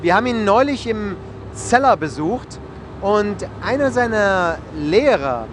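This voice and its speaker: A man presenting casually as a host, brisk with fillers. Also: high-pitched, sing-song, background noise.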